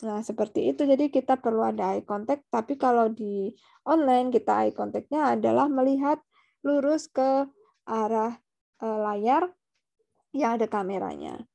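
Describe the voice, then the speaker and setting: A woman's voice: fairly high pitch, normal speed, vocal fry, warm tone. A woman teaching a public speaking class, explaining step by step and checking in with her listeners. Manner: explanatory, tags sentences with friendly "ya" checks. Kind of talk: online class lecture.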